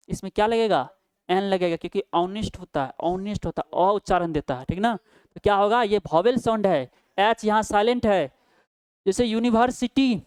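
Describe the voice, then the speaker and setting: A man's voice: high-pitched, clean tone, no room sound. A male teacher gives a grammar lesson, asking questions and answering them himself, with frequent checks like "right?". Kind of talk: Hindi-language English grammar lesson.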